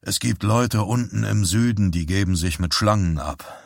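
A man voicing a weary middle-aged father who speaks low and hushed. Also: normal speed, creaky, no room sound, studio quality.

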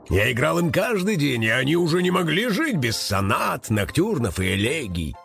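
A man's voice: a little high, vocal fry, fairly bright tone, heavily acted. Man voicing Karych, a dramatic old raven. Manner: theatrical, sighing, dramatic outbursts. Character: old male raven, sentimental forgetful musician.

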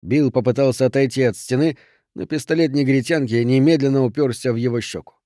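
A man narrating an audiobook in an even, measured way. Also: medium pitch, no echo, studio quality.

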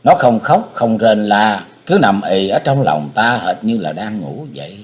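A man voicing a calm, detached old master in an audiobook story. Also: lowish voice, a little slow. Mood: offhand. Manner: calm, offhand.

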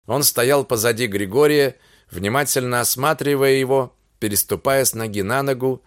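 A man's voice: medium pitch, dry recording, studio quality. A man narrating a novel as an audiobook, telling the story expressively. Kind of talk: scripted literary narration.

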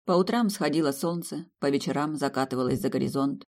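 An audiobook narrator reading a first-person fantasy novel in a plain, steady way. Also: mid-range voice, fairly quick.

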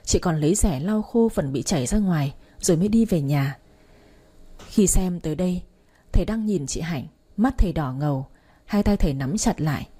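A woman narrating a dramatic family story in the first person, in a steady storytelling way. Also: fairly low pitch, moderate pace, husky.

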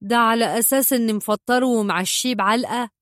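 A woman reading a coldly calm Egyptian father. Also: fairly high pitch, a little fast, no room sound, studio quality, pitched above the performer's own voice, natural voice. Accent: Egyptian Arabic. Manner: flat, calm, cutting. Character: stern, coolly calm father and husband.

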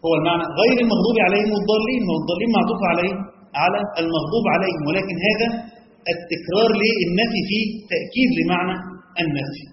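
In a classroom lecture on Quran commentary, a man with an Egyptian Arabic accent quizzes listeners with quick questions and recites verses slowly. His voice sits high. The echoey hall gives a dull, lo-fi sound with slight background noise.

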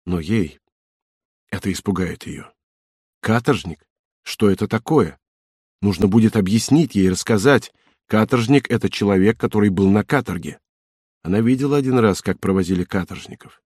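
Audiobook: male narrator as a broken old ex-convict, low, husky, imploring. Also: moderate pace, a little mellow, no echo, studio quality. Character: aging ex-convict, broken, anguished father.

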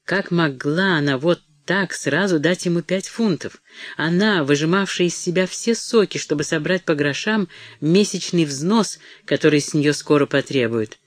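A man reading a novel aloud in a measured narrating voice. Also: on the high side, dry recording. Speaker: audiobook reader. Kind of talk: scripted narration.

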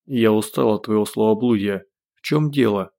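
Male narrator as a volatile brute, low and gruff, barking orders. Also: moderate pace, dark tone, close to an everyday voice. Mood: angry. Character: brutal, volatile man, growling and domineering.

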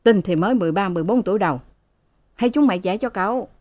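A woman's voice: mid-range voice, racing, darkish tone, close to an everyday voice. A woman voicing a bossy, harsh rich mistress who scolds her servants in a haughty manner, in a storybook reading. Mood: scolding.

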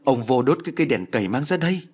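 A man's voice: mid-range voice, lively intonation, rapid-fire, breathy edge. A man voicing a frantic grieving peasant mother who shrieks and wails. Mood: frantic grief. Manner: shrieking, wailing cries.

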